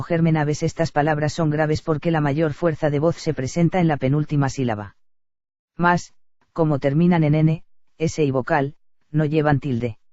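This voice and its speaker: A man reading a grammar lesson aloud in a steady, even lecture delivery. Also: fairly high pitch, dry recording. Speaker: teacher. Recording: dull lo-fi dry recording.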